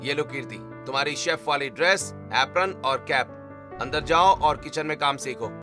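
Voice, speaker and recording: A man's voice: fairly high pitch, normal speed, music in the background, lightly acted. A man playing a kindly store owner. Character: kind male pizza store owner.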